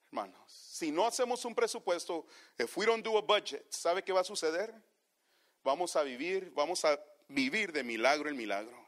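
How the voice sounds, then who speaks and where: A pastor preaches a bilingual sermon, saying each line in one language and then repeating it in the other, and he keeps calling the congregation brothers. His fairly high voice is expressive and a bit bright, at normal speed.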